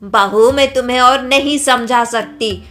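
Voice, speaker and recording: Woman doing a nagging cartoon mother-in-law, slow and high-ish, fretful. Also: fairly bright tone, slight background noise. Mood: exasperated. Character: worried scolding older mother-in-law. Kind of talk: cartoon story voice acting.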